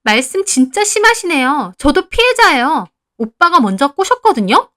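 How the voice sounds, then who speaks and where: Woman doing a shrill tearful young mistress. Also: very animated, normal speed, a bit bright. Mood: defiant. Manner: shrill, defiant, crying.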